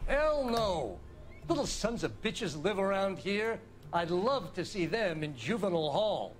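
An actor playing a gruff, defensive, cranky old male neighbor questioned as a witness in a crime game. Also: sits high, very animated, unhurried, slight background noise. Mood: combative. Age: older. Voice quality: gruff, defensive, coarse-spoken.

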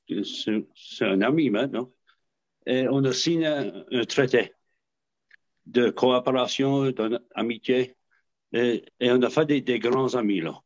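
An Acadian man of medium pitch tells stories in a casual interview, stumbling over and repeating his words and chuckling now and then. His voice comes through a slightly muffled, lo-fi recording. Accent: Acadian French. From southwest Nova Scotia. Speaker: interviewee, association representative.

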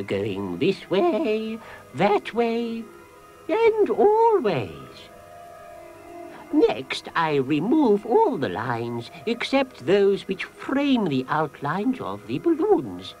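A woman's voice: mid-range voice, huge pitch swings, very slow, darkish tone, faint music behind, heavily acted, low-quality recording. A woman voicing a nervous, clever male mathematician who stammers a little as he earnestly explains himself. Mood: explaining.

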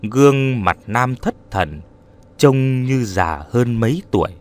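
Male storyteller, ghost story narration, animated and expressive delivery. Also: mid-range voice, slow. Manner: dramatic, expressive.

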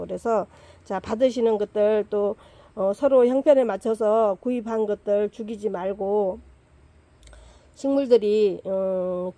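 A woman's voice: a little high, mellow, no echo. Chatty woman farmer teaching plant care. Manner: chatty, repeats points, talks to plants. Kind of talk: casual hands-on plant care lesson.

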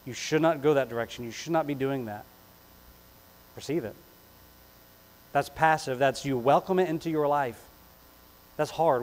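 A middle-aged pastor preaches a sermon from a church platform indoors, speaking emphatically, repeating key phrases and slipping in conversational asides. His voice is slightly high and a touch mellow, picked up by a lapel mic with poor audio quality.

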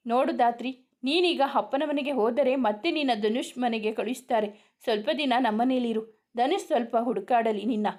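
A woman voicing a scheming young man who talks smoothly and persuasively in an audio story. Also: fairly high pitch, moderate pace, a little mellow, lightly acted. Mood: coaxing.

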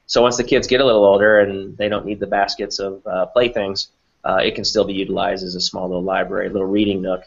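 A middle-aged man with a deep, slightly rough voice and vocal fry speaks fast and flatly while explaining things as an interview guest. He is a company president on a video call from a small office room, heard through a computer mic with dull, lo-fi sound.

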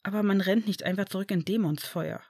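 A woman's voice: mid-range voice, steady tone, a little fast, darkish tone, slightly rough, no room sound, studio quality. A woman voicing a scolding young male healer.

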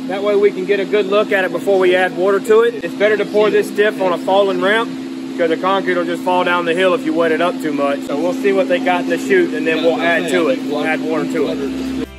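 A man's voice: sits high, fairly even intonation, fast. A man working on a concrete crew, explaining the job in a plain, matter-of-fact way outdoors on a building site. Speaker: concrete worker.

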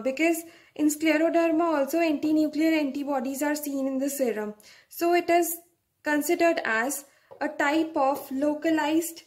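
A young woman giving a medical lecture, explaining step by step and often checking with a "right?". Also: high-pitched.

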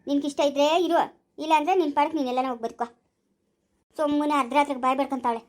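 Sharp-scolding woman. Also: high voice, steady tone, rapid-fire. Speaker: family skit performer. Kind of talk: homemade family comedy skit.

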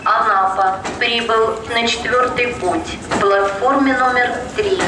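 A woman making a formal, measured public-address announcement at a railway station, heard over loudspeakers on an outdoor platform. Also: on the high side, fairly even intonation. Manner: formal, measured scripted delivery. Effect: loudspeaker public-address system. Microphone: far camera microphone picking up loudspeakers. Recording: echoey distant loudspeaker, loud platform noise. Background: loud trains and station ambience.

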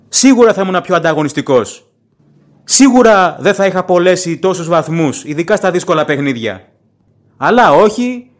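Opinionated man hosting a fan podcast. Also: sits high. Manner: opinionated, plain-spoken and rambling. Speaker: podcast host and football fan. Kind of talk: casual solo podcast commentary.

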